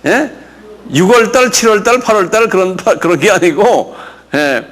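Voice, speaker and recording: A man's voice: sits high, unhurried, a bit bright. A man, a pastor, giving a Bible class lecture, quizzing his listeners and having them repeat words after him. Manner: drills pronunciation, quizzes listeners, chuckles. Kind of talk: classroom lecture with audience questions.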